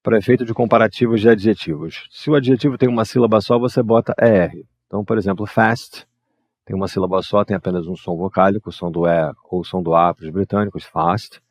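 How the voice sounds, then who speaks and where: Guy teaching english grammar, lowish voice, dry close sound, reads examples out slow. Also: steady tone, no room sound. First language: Portuguese. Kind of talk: explaining grammar exercises.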